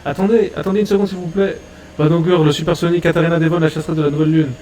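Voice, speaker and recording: Man reading a pleading pirate fanboy, eager, a touch high-pitched, comic-reading feel. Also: fairly even intonation, rapid-fire, mellow, roomy sound, recorded from a distance, close to an everyday voice, rough recording.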